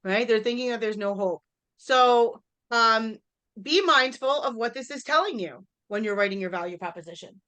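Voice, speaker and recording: A woman leading a live real estate workshop. She talks straight to the room, quizzes her listeners and acts out short exchanges with clients. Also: a little high. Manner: energetic, talks straight to the audience, quizzes them; acts out quick dialogues with clients.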